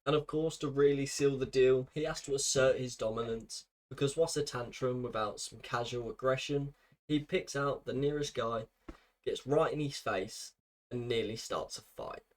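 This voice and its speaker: A man's voice: medium pitch, normal speed. A British man narrating a commentary video in a dry, mocking way, with scripted sardonic remarks.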